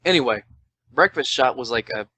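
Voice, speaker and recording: A man's voice: mid-range voice, lively intonation, normal speed, bright, forceful tone, no echo. Tipsy twenty-one-year-old man, rambling. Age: 20s. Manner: loose, rambling, swearing, reading aloud with mock quoting. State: drunk. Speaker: podcast host. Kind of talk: tipsy casual podcast chat. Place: indoors at home, Tennessee.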